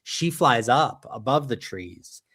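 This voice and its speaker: A man's voice: medium pitch, lively intonation, slow, a bit bright, no room sound, studio quality. A man from Canada hosting a casual podcast chat, an enthusiastic fan who talks in long rambling thoughts. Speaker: podcast host.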